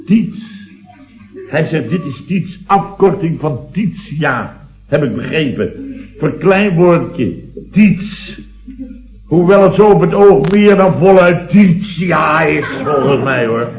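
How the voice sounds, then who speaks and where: Playing a grumbling building-firm boss in a radio comedy, this actor with a Netherlands Dutch accent tells boastful, indignant yarns at length, leaning on repeated tag words. His male voice is fairly high, expressive, and mocking. The sound is that of a dull, roomy old radio recording.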